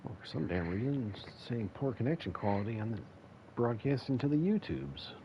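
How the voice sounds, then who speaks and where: A man's voice: mid-range voice, very animated, a little fast, dull audio. A man streaming a racing game, rambling casually with many fillers and wry asides. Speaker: gaming streamer. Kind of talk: casual chat while racing. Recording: noisy game-stream audio.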